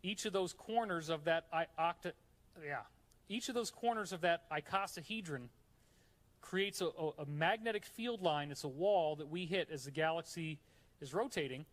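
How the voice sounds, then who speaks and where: A man's voice: a little high, normal speed, fairly bright tone. A man from New York giving a live lecture with slides in a hot room, explaining eagerly and chatting to the audience between points. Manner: enthusiastic, chatty asides to the audience. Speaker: conference speaker.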